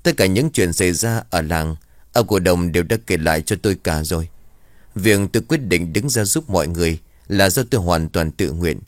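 A man voicing a calm, resolute young exorcist who speaks firmly and with assurance. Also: low voice, normal speed, no echo, studio quality, close to an everyday voice.

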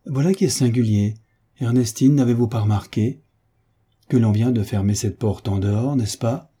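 A man doing a calm, protective young duchess. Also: mid-range voice, moderate pace, husky, natural voice. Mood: puzzled. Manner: soothing, reassuring.

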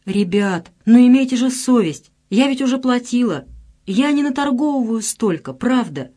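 A woman's voice: little pitch movement, takes it slowly, warm tone. A woman doing a pleading market trader woman. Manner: pleading, high-pitched. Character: frightened middle-aged market trader woman.

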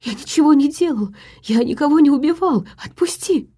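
A woman voicing a terrified, hoarse man who begs desperately for release, in an audiobook. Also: lowish voice, steady tone, takes it slowly, mellow, heavily acted. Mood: pleading. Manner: pleading, desperate.

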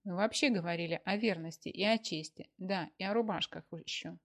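A man's voice: high-pitched, a little fast. A woman voicing a bewildered, defensive grown son in a read-aloud story. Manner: bewildered, protesting.

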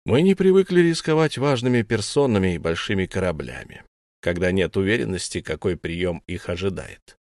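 A man voicing a stubborn human prisoner who answers his captors in a flat, terse way, in an audiobook. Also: sits low, normal speed, no room sound, clean studio sound. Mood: curt. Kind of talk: audiobook character voice.

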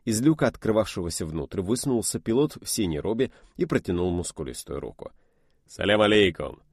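A man narrating an audiobook in a steady, even storytelling manner. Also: on the low side, fairly quick, breathy edge, no room sound, studio quality. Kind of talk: scripted narration.

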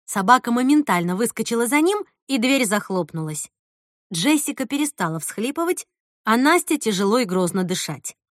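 A woman narrating an audiobook in an animated, expressive storytelling manner. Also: fairly high pitch, moderate pace, no echo, studio quality.

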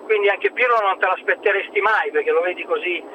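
A man's voice: high-pitched, fast talker. A man calling in over the phone as a food expert, chatting and telling anecdotes. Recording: tinny phone line with faint noise.

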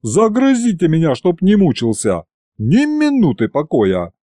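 A man's voice: big pitch swings, normal speed, a little mellow, dry recording, clean studio sound, natural voice. A man voicing an exasperated young male hero who pleads and protests. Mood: frantic. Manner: high-pitched and agitated, pleading.

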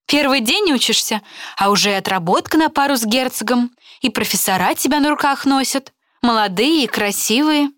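Brief: a woman playing a smug, teasing girl student, higher voice, drawling mockery, dry close sound. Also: animated, fairly quick, fairly bright tone, no echo.

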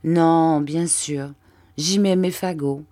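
A woman's voice: deep voice, fairly even intonation, takes it slowly. A woman voicing an elderly peasant mother, tearful and exclaiming. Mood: affectionate. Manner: emotional, exclaiming, softly affectionate.

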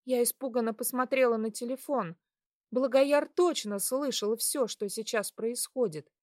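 A woman reading a first-person story aloud in a measured, steady way. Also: on the high side, dry recording, clean studio sound. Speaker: audiobook reader. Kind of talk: first-person scripted narration.

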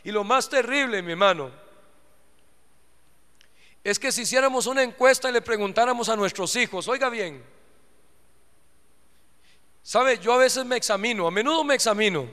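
A man's voice: extremely high pitch, moderate pace, pauses often, pushed and bright. A man with a Costa Rican accent preaching fervently to his congregation in a live church sermon, often calling out to the listeners. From Costa Rica. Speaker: pastor. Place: church sanctuary. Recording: reverberant church hall.

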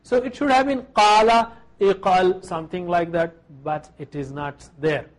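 A man's voice: high-pitched, slow pace. A man teaching Arabic verbs to a class, patiently drilling each form and having students repeat after him.

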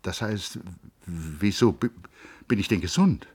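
A man's voice: on the low side, measured pace, dry recording, voice pushed up. A man voicing a timid young male patient in an audiobook reading, hesitant and stammering. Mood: unsure.

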